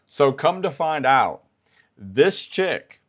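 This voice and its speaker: An American vlogger giving live-stream commentary, retelling events in a storytelling way and repeating himself. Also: male voice, on the high side, big pitch swings, slow pace, fairly bright tone, highs cut off, a little hiss or hum. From United States.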